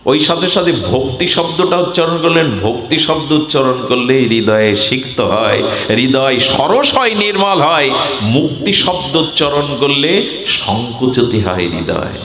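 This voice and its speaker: Slow, declamatory Bengali preacher in an echoing hall. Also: male voice, medium pitch, very animated, fairly bright tone. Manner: slow and declamatory, rising into sung and chanted scripture lines. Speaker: Bhagavata reciter and preacher. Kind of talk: devotional sermon with chanted verses. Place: gathering hall with an audience. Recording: echoey live hall.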